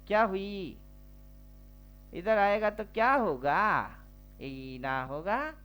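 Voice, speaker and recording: Guy w explaining charts, slow n slangy, teasing rhetorical qs, faint music behind. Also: high-pitched, a bit bright, smooth. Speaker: trading teacher. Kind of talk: chart tutorial voice-over.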